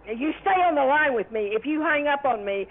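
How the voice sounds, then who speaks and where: A woman's voice: high-pitched, brisk. Angry eighty-year-old woman on a phone. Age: 80s. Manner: scolding, indignant. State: angry, agitated. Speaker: prank call target. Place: at home. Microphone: telephone. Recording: tinny phone line.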